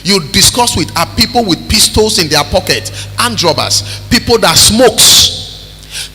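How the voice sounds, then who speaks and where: A Nigerian man preaching a sermon as pastor, calling out to the congregation and building to shouts. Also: high-pitched. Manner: preaching with call-and-response, rising to shouts. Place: church hall. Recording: reverberant church hall with music.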